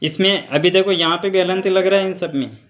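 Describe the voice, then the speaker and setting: A man teaching a school Sanskrit grammar lesson, asking questions and answering them himself, and spelling sounds out slowly syllable by syllable. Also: high-pitched, fairly bright tone, muffled recording.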